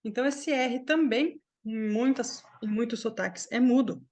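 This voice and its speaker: A woman from Brazil teaching an online English class, explaining pronunciation slowly and often checking that her students follow. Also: fairly high pitch, darkish tone.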